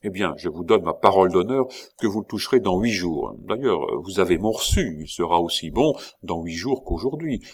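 A man voicing a smooth, evasive swindler who talks in a wheedling, flattering way in a read-aloud novel. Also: low-pitched, normal speed, heavily acted.

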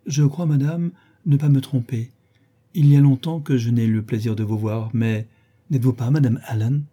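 A man's voice: mid-range voice, normal speed, warm tone, husky, natural voice. A man reading aloud, voicing an effusive, boastful middle-aged mother in a storybook with a gushing, raised voice. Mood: courteous.

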